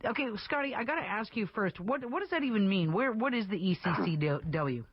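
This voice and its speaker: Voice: medium pitch, lively intonation, brisk, no room sound, muffled recording. A talk radio host speaking in a chatty, joking way while interviewing phone guests. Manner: jokey, chatty. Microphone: studio mic.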